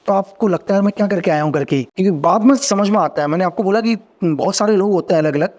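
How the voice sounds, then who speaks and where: Here a former agent in middle age recounts his past during a relaxed podcast chat. He has a high, somewhat dark voice; his delivery is quick and sincere, with repeated phrases and rising energy whenever he explains something.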